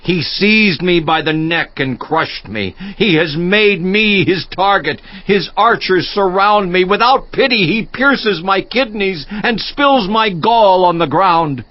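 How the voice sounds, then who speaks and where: In a dramatized scripture audiobook, an actor voices a righteous man, grief-stricken and worn out, crying out to God in anguished, drawn-out lines. His voice is high and animated, and the audio is dull and lo-fi with an echoing room.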